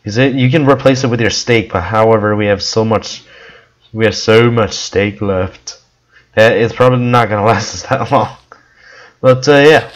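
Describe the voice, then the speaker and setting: A man giving casual gameplay commentary with a hoarse, worn voice, coughing now and then and rambling with many fillers. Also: on the low side, normal speed, poor audio. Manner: rambling, with frequent ums and restarts. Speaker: gameplay video creator.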